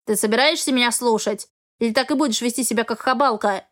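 Woman doing a grumpy old male raven, senile, snorting, scolding, storybook, fairly high voice. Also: fast, fairly bright tone, close to an everyday voice. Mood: grumbling.

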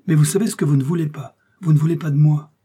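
A man's voice: on the high side, fairly even intonation, fast talker, dark tone, slightly rough, pitched above the performer's own voice. A man reading an ardent young nobleman. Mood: bitter. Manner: ardent, bitter pleading. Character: wealthy young Russian nobleman, ardent and wounded. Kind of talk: audiobook character reading.

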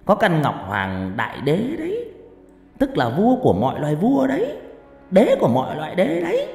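A self-important fake spirit medium, as a male storyteller puts him on, a middle-aged man who brags endlessly through a pinched, nasal voice. His voice climbs high and loud as he crows about his powers. The recording is roomy and reverberant, with faint music behind. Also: creaky, heavily acted. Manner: pompous, bragging, talks on and on.

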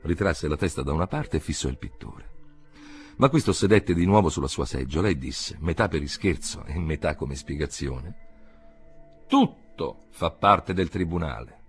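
A man reading a literary audiobook aloud in a measured, expressive way. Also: rumbling low, faint music behind. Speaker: audiobook reader.

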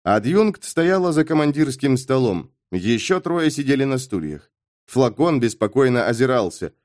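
A man narrating an audiobook in an expressive storytelling style. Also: medium pitch, normal speed, no echo, clean studio sound. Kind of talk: scripted narration.

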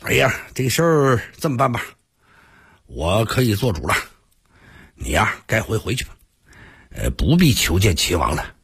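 A man's voice: fairly low pitch, very animated, moderate pace, pauses often, a bit bright, husky, heavily acted. A man voicing a sly, smug male minister who coaxes and mocks. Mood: coaxing. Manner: coaxing and mocking.

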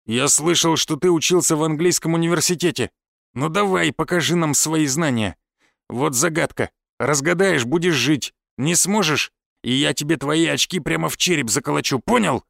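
Man playing a bullying bald thug, coarse growling threats, raised pitch, dry close sound. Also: moderate pace, creaky, a bit bright, no echo. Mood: menacing.

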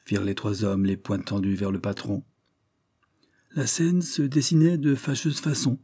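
A man narrating a classic novel as an audiobook in a measured, even storytelling voice. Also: on the low side, husky. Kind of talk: scripted narration.

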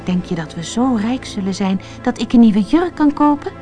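A woman's voice: fairly high pitch, lively intonation, normal speed, dark tone, soft background music, voice pushed up, lightly acted. A woman voicing a poor wife in a fairy tale, eager and exclaiming. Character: poor, practical wife who turns angry.

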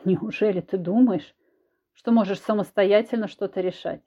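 Audiobook villain: controlling husband, voiced by a woman, low, slow, quietly menacing, in a dull lo-fi recording. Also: fairly even intonation, natural voice. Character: menacing controlling husband, grown man, smug and cruel.

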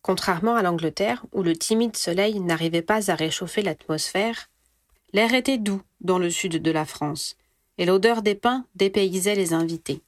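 A woman narrating a story aloud, steady and clear, raising her voice for the dialogue. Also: mid-range voice, moderate pace. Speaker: reader of fan fiction. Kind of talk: audiobook narration.

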